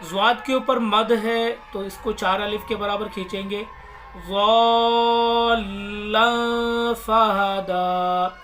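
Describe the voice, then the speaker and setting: A man teaching Quran reading, spelling out letters and vowel marks one by one and then reciting the words slowly and drawn out. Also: sits high, steady tone, fairly bright tone, soft background music.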